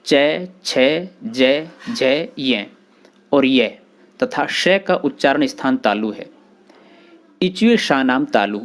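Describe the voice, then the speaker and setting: A male grammar teacher talks at a very slow, measured pace in a mid-range voice. He sounds out each letter one at a time and stops to recite short classical grammar rules. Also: mid-range voice. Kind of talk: explanatory lesson.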